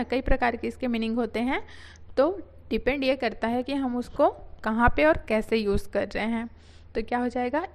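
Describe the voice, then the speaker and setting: Slightly high-voiced woman teaching english words, patient, spells things out, says phrases slowly. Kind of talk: spoken English lesson.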